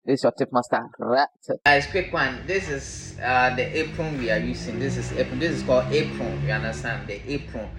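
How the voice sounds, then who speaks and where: A man's voice: mid-range voice, normal speed, hardly any pauses, heavy background noise. A man from Ghana with a Ghanaian English accent, a barber giving a casual hands-on demo who keeps asking "you understand?". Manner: repeats "you understand?" as a constant check-in.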